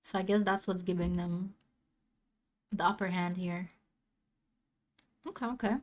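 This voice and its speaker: A woman's voice: on the low side, fairly even intonation, a little slow. A woman streamer giving casual reaction commentary in a cute, exclaiming anime-streamer manner.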